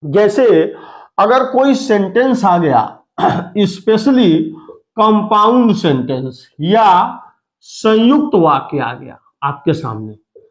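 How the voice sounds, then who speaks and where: Male grammar teacher, high voice, slow and deliberate, spells out examples word by word. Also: very animated. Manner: explains slowly, repeats example sentences word by word; addresses students as "beta". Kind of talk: Hindi-medium classroom lesson.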